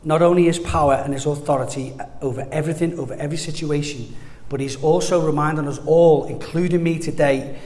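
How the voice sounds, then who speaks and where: An earnest man preaches in a chatty, heartfelt way, circling back and restarting phrases as he goes. His voice sits a little high for a man. A long reverb trails every line, as in a large church hall. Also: fairly even intonation, brisk, darkish tone. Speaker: pastor. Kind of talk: sermon.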